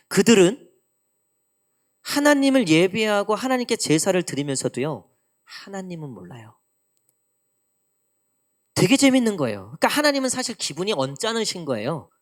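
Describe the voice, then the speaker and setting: Woman pastor giving a sermon, lively rising and falling voice, acts out the quotes. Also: medium pitch. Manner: animated preaching, acts out God's teasing lines. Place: church sanctuary.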